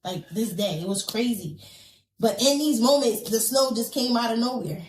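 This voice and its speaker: Woman guest on a podcast, voice on the high side, recounting a story with lots of quoted back-and-forth, roomy echo around her. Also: normal speed. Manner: earnest, vivid retelling with quoted dialogue and many fillers. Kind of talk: personal storytelling in a podcast conversation.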